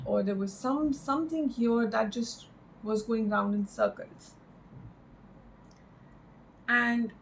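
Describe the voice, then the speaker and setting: Woman doing a mystical horoscope card reading, kinda high creaky voice, pauses and repeats herself, bit of noise. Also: darkish tone, low-quality recording. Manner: halting, reflective, with repeated phrases for emphasis. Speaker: tarot card reader.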